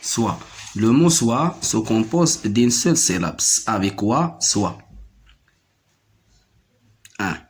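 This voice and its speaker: A man leads a French lesson for children at a very slow, deliberate pace. His voice sits a little low, and he repeats every word carefully before counting its syllables. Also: sing-song. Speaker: primary school French teacher. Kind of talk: slow classroom reading lesson.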